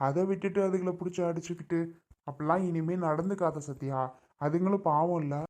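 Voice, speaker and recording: Woman as a scolding father, lowish voice, lecturing, family skit. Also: steady tone, fairly quick, a little mellow, lightly acted.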